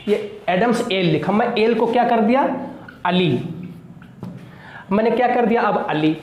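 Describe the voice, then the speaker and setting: A man with a high voice teaches an exam-prep class, calling his students children and repeating key words as he quizzes himself out loud. His voice rings around a bare, echoey room. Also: unhurried, muffled recording, slight background noise. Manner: asks and answers his own questions, repeats key words.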